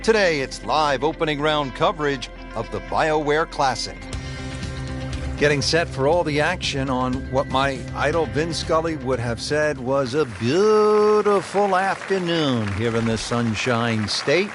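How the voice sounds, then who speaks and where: A man voicing a golf play-by-play commentator in a video game, with a smooth, measured broadcaster delivery. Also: on the high side, expressive, over music.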